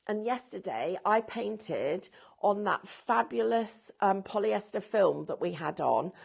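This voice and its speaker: A woman's voice: medium pitch, creaky, breathy edge. A woman presenting a live craft shopping show, selling with chatty, jokey enthusiasm.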